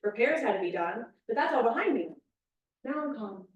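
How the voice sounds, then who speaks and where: A woman's voice: fairly high pitch, expressive, brisk, lo-fi sound. A woman reading a play aloud, playing a pushy, blunt housewife. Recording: echoey room, distant mic.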